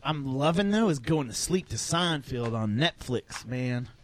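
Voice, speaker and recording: A man co-hosting a podcast in casual chat, crude and joking, often breaking into shouted bits. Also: mid-range voice, lively intonation, a little slow. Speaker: podcast co-host.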